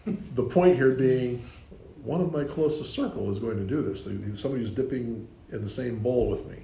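A man's voice: medium pitch, moderate pace, mellow, a little hiss or hum. A man leading a group Bible study, explaining the text with restarts and questions to the group. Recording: echoey room with faint ambience.

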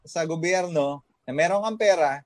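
Filipino guy, fitness trainer guest, kinda high voice, dry sound, motivational, lots of fillers n tag questions. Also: normal speed, dry recording. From Philippines. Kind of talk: casual podcast chat.

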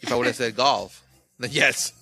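A man's voice: mid-range voice, moderate pace, sharp tone. A man of Mexican background hosting a podcast, chatting casually, laughing and joking and often repeating himself. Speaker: podcast host. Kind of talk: casual chat.

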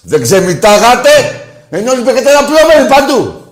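A man hosting a call-in radio show, combative and insulting toward callers, swinging between loud outbursts and low muttering. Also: sing-song, roomy sound. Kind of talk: heated call-in show banter.

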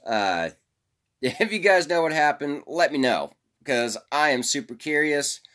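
A man's voice: a little high, animated, unhurried, a bit bright. A man hosting a podcast, telling stories in a rambling, profane, casual way and laughing often. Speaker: podcast host. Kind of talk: casual storytelling monologue.

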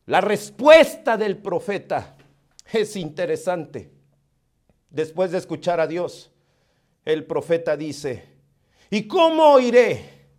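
A man preaching an emotional sermon, swinging from a hushed murmur to loud declaiming, with drawn-out, emphatic phrasing. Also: on the high side.

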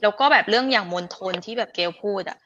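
Fast-talking woman podcast host. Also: medium pitch, a bit bright, a little hiss or hum. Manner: thinks aloud in long rambling turns. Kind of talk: casual podcast chat. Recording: slightly dull lo-fi sound.

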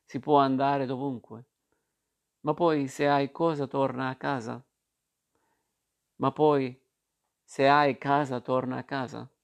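A man reading as a calm worldly young woman. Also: medium pitch, takes it slowly, vocal fry, pauses often.

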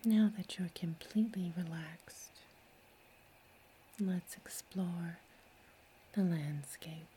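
A woman host whispering a calm, slow sleep story, close to the mic. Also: fairly low pitch, slight background noise.

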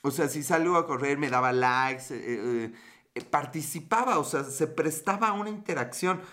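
With a rather high, bright voice and a forceful tone, a young Mexican livestream host speaks at normal speed. His casual, meandering story is full of slang, broken up by replies to chat and frequent laughter.

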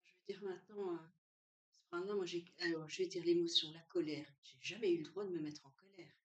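A woman chatting at a brunch, lively, often acting out what others say. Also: lowish voice, fast, recorded from a distance, muffled recording. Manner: animated, acts out what others say. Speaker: guest sharing her story. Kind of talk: casual chat. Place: room at a brunch. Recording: roomy sound, away from the mic.

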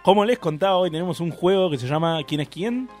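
A man's voice: high voice, expressive, fast talker, a little mellow, faint music behind. A man with a Rioplatense Spanish accent hosting a radio show, running a guessing game in casual banter and swearing when he gets stuck.

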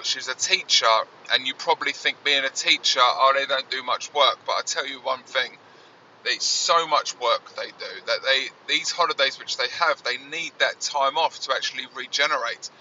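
Bright-voiced man, fuzzy distorted car recording. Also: mid-range voice, distant mic, dull audio. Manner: reflective, earnest, rambling restarts. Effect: fuzzy distorted sound. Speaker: podcast host. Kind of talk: casual spoken monologue. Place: inside a moving car. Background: faint road and engine noise.

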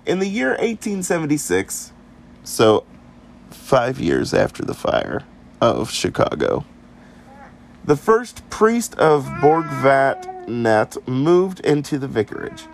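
A man with a gravelly, middle-pitched voice tells a haunted-house story in a loose, chatty podcast way. He keeps things playful and now and then breaks into goofy put-on voices for the people in the tale. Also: wildly swooping pitch, takes it slowly. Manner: playful, drops into silly voices for quoted people. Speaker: podcast co-host.

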